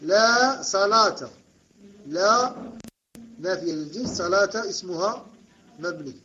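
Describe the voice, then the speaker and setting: A man's voice: high voice, expressive, measured pace, pushed and bright, lo-fi sound. A man teaching an Arabic grammar class, repeating and correcting students' answers and approving them with a short word of praise.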